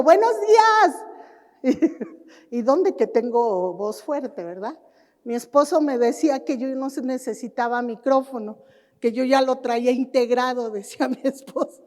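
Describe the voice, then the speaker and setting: A middle-aged woman pastor with a high, mellow voice preaches at an unhurried pace. She tells her stories with animation and acts out other people. Her voice rings with the long reverb of a church hall. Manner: animated storytelling, acting out neighbors. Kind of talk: sermon. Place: church sanctuary.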